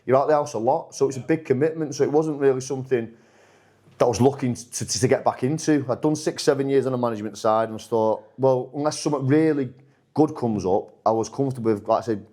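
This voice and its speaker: A man, a football manager, chats in a casual podcast interview with a middle-pitched voice. He rambles, stumbles over restarts, and livens up whenever he quotes someone. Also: quick pace. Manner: rambling, many restarts, animated when quoting others.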